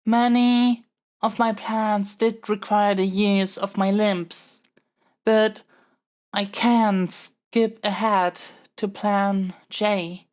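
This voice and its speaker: In a scripted audio roleplay, a woman plays a young captive princess who is stubborn, scheming, and melodramatic. She uses formal, theatrical phrasing with halting pauses, her voice medium in pitch and darkish in tone.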